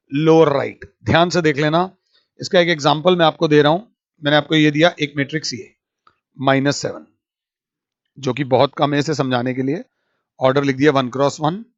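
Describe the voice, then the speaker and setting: A man's voice: a little high, dry recording. A man teaching a maths lecture, mixing Hindi and English and repeating key words for emphasis. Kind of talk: recorded classroom lecture. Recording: dull lo-fi audio.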